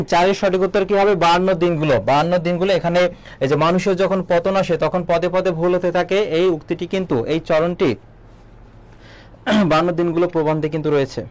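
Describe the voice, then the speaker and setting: A young man teaching a live online exam-prep class, asking quick questions and reading out viewers' comments. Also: a little high. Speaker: admission coaching teacher.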